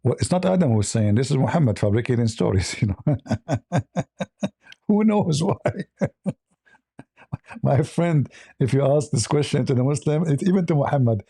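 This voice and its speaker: A man hosting a livestream debate, raspy and mocking, halting with many fillers. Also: medium pitch, lively intonation, dark tone, dry recording, studio quality. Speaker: host.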